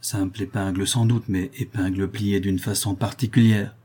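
A man narrating a novel in a measured, even storytelling manner. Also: lowish voice, breathy edge. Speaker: audiobook narrator.

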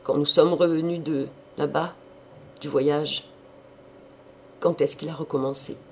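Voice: medium pitch, fairly even intonation, a little hiss or hum, natural voice. A reader voicing a betrayed young noblewoman who fires off questions in a rush, in an audiobook of a classic novel. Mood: shocked grief. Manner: urgent, rapid-fire questioning.

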